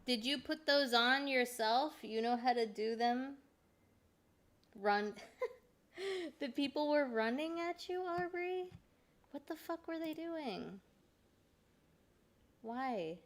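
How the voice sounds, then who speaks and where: A woman's voice: sits high, lively intonation, slow pace, pauses often. A woman streamer giving casual reaction commentary into a desk mic. She is chatty, exclaims often and swears freely. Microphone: desk mic with adjustable gain.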